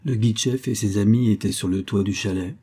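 A man narrating a novel aloud in a steady, measured storytelling manner. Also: on the low side, slightly rough.

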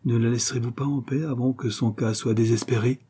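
A man's voice: mid-range voice, steady tone, a little fast, warm tone, husky. A man reading aloud and voicing an anxious, plain older woman who pleads earnestly in a storybook. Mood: pleading. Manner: earnest pleading, rising to outcry.

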